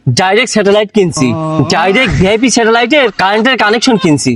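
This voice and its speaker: A man's voice: sits high, expressive, fast talker, crowd noise. A man playing a boastful gullible villager. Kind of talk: comic village drama acting.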